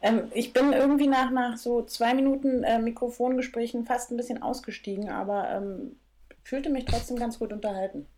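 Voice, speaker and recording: A woman's voice: a little high, fairly even intonation, brisk, dark tone. Chatty woman, lots of fillers. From Berlin, Germany. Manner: chatty, hesitant with many fillers. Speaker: podcast guest, TV worker. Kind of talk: casual chat.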